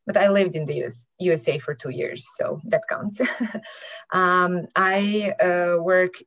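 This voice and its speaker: A woman's voice: on the low side, steady tone, measured pace, a bit bright, no room sound, lo-fi sound. A woman from Serbia with a Serbian accent, a marketing entrepreneur giving a hesitant opening statement on an online panel, full of fillers and restarts.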